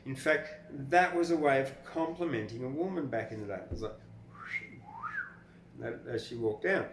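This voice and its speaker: In an echoey room with faint noise behind him, an older Australian poetry podcast host chats casually and reads poems expressively. He's informal, blunt and prone to rambling. His mid-range voice moves with lively intonation at a normal speed.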